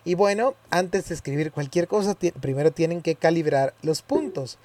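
A man's voice: a little high, animated, moderate pace, dark tone. Hesitant man explaining step by step. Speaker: tutorial presenter. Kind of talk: casual spoken tutorial.

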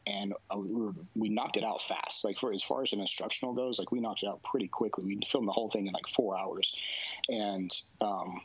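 A man talking casually in a relaxed conversation, rambling with lots of fillers and frequent laughs. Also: on the low side, husky, no room sound. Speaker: jiu-jitsu instructor guest. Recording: dull, dry lo-fi sound.

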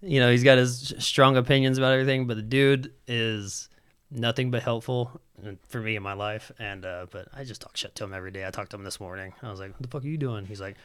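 Man from Alabama, podcast guest; loose, swearing storyteller who jumps into quick impressions of friends; mid-pitched, everyday voice. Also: clean tone. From Alabama, USA. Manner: profane, animated, acts out quotes of friends. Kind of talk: casual storytelling chat.

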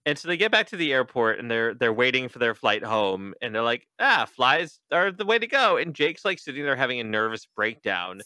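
A man hosting a podcast, casually recapping a book in an animated, joking way, cursing freely and acting out quoted lines. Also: medium pitch, fairly quick, hardly any pauses, clear, resonant tone, no room sound, clean studio sound. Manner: animated, profane, joking, with exaggerated quoted voices. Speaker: podcast host.

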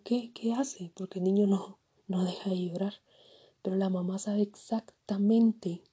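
Soft, whispery woman preaching. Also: fairly low pitch, slightly rough. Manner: soft-spoken, often whispery, frequent "amén". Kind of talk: sermon.

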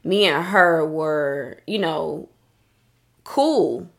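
A Dallas podcast co-host tells a personal story in candid casual chat, emphatic and profane, cursing often and saying "like" a lot. Her deep, creaky voice moves extremely slowly.

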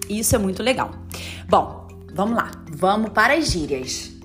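A woman's voice: mid-range voice, very animated, moderate pace, a bit bright, faint music behind. A woman hosting a podcast lesson, explaining slang in a chatty way with lots of tag questions and English examples. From Brazil. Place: lives in the United States.

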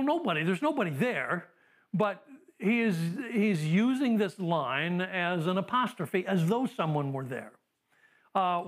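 A middle-aged man teaching a Bible class in a relaxed lecture, full of uh and um, with dry humor. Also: sits high. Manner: conversational with dry humor and frequent fillers.

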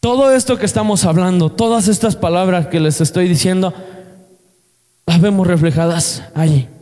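Casting: Mexican man preaching, earnest, quizzing the congregation, voice sits high. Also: moderate pace, warm tone. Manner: earnest, asks the congregation questions. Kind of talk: sermon. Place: church hall. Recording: long hall reverb.

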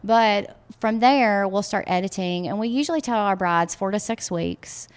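A woman's voice: medium pitch, normal speed, smooth. A woman near forty with a Southern American accent, a wedding photographer chatting casually in an interview, filling her talk with "um" and "you know". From Mississippi. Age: late 30s.

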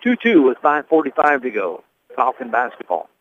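A man's voice: medium pitch, huge pitch swings, slight background noise. Man calling basketball on tinny radio. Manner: rapid calls with read sponsor spots. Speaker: play-by-play announcer. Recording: tinny phone-like radio broadcast.

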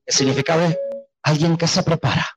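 A man's voice: fairly high pitch, steady tone, fast talker, loud music behind the voice, low-quality recording. A man preaching a sermon, asking the congregation to repeat words after him.

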